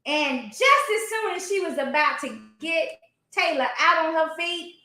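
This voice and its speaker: A woman in an animated, casual sports discussion, speaking emphatically and colloquially with strong opinions. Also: very high voice, a little slow, a little hiss or hum. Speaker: boxing talk show commentator. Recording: roomy, echoey sound.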